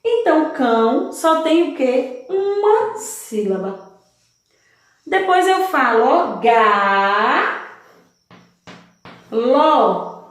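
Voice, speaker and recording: A woman's voice: high voice, sing-song, slow. A woman teaching a recorded lesson to young children, patient and sing-song, spelling out syllables and answering her own questions. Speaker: primary school teacher. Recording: very echoey room.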